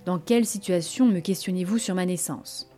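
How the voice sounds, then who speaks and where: A woman reading aloud voices a dignified young man courting a noblewoman, speaking gravely and earnestly with gentle emphasis. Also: on the low side, normal speed, soft background music, lightly acted. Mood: grave, tender.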